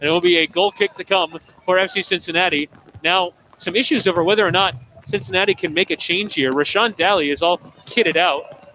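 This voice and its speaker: A man calling a live soccer match play by play, describing the action in quick, steady commentary. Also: high-pitched, a little hiss or hum, poor audio. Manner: rapid descriptive calls, laughs easily.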